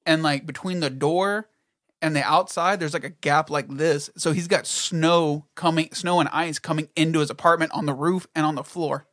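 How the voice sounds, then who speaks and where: A man's voice: fairly high pitch, fairly even intonation, normal speed, fairly bright tone, no echo, clean studio sound. A man in casual chat, telling a long story with heavy swearing and quoted back-and-forth. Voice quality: profane, storytelling with quoted voices.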